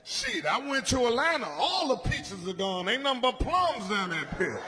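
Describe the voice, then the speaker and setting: Stand-up comic man from D.C., high-pitched voice, loud and shouty, on a noisy live club mic. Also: very animated, normal speed. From Washington, D.C. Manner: loud, swings from low mutter to shouted punchlines. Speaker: stand-up comedian. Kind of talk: stand-up comedy set. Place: comedy club stage. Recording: live club recording with ambient noise.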